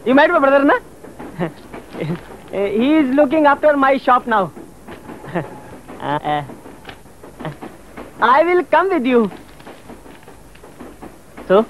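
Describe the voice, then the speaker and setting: An overfamiliar shopkeeper who keeps laughing and pestering in halting English. He speaks slowly with a lively, swooping pitch. Faint train noise runs under the old TV sound. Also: lo-fi sound, heavily acted. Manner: laughs often, broken English, wheedling. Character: chatty pushy male shopkeeper, giggly and overfamiliar. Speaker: pushy shopkeeper trailing a foreign tourist. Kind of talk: 1980s TV drama acting.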